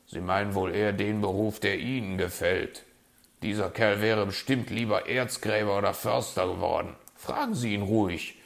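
A man's voice: fairly low pitch, steady tone, normal speed. Man doing a grumbling, know-it-all fox. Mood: sardonic. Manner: grumbling, gruff, sardonic.

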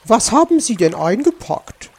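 A man voicing a sharp-tongued, cheeky female magpie in a children's audiobook, shrill and scolding. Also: sing-song, moderate pace, husky, exaggerated voice.

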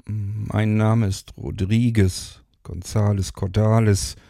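A gentle, deep-voiced sandman from a bedtime story, speaking calmly and reassuringly, as a male narrator does him. The voice is low and gravelly with a dark, mellow tone. He talks slowly and evenly. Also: no room sound, clean studio sound.

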